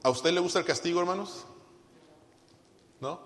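A man preaching a sermon, asking the congregation questions and swinging from loud emphasis to quiet. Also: high-pitched, normal speed. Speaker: pastor. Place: church hall. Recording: long reverb of a church hall.

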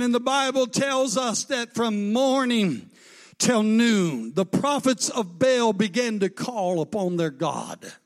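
A man preaching a fervent sermon, retelling a scripture story with dialogue and lifting into chanted, sung cadences at its peaks. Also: extremely high pitch. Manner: retells scripture with dialogue, rising to shouted climaxes.

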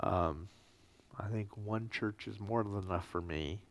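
A man, a pastor teaching a church history class, lecturing casually with halting ums and wry, sarcastic asides. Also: lowish voice, no echo.

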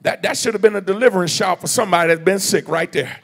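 A man preaching a fervent sermon in a church, breaking into shouts and calling out to the congregation. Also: sits high, fast, vocal fry. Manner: fervent, shouting in bursts, call-and-response with the congregation. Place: church sanctuary.

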